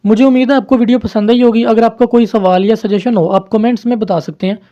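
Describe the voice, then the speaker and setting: Teacher, male, high and mellow voice, calm explainer, dull lo-fi recording. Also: quick pace. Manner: mixes English terms into explanations, addresses viewers as friends. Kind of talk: explaining a poem to viewers.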